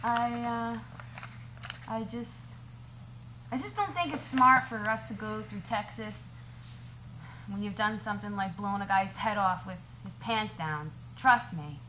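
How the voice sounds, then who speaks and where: A woman acting a terse, bright-voiced woman on the run. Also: medium pitch, measured pace, pauses often, slight background noise, poor audio. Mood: guarded, uneasy. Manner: terse, stubborn. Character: guarded, irritable woman on the run. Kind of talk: acting class scene reading. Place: indoor acting class.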